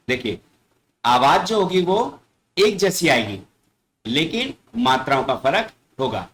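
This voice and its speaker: A man teaching a class, slowly repeating each word for young pupils and answering his own questions. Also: on the high side, fairly bright tone, rough recording. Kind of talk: classroom lesson explaining word corrections.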